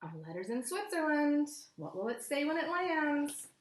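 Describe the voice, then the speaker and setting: This children's story reader, an American woman, has a high-pitched voice and a moderate pace. She reads a picture book aloud with lively expression and offhand asides, speaking to young listeners in a room with echo.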